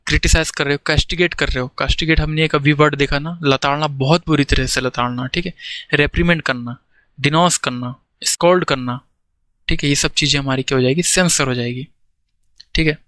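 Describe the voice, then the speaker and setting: Male tutor, slightly high voice, dry close sound; explains words in Hindi, reads definitions slowly. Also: fairly even intonation, bright, forceful tone, dry recording. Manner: explains in Hindi with English words, frequent "ठीक है?" check-ins; slow, deliberate reading of English definitions. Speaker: English vocabulary teacher. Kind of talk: exam-prep vocabulary lesson.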